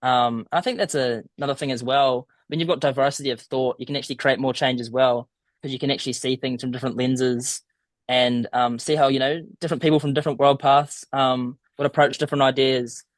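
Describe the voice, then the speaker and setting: A man's voice: mid-range voice, steady tone, brisk, no echo. Young man, broad southern New Zealand accent, close dry sound, casual interview guest, thoughtful and informal. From small town in southern New Zealand. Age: young adult. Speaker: podcast guest, student abroad.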